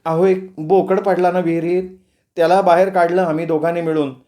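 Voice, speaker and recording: Male storyteller as an anxious young wife, raised pitch, mellow, pleading. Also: flat delivery, brisk, natural voice. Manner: pleading, urgent, tearful tone.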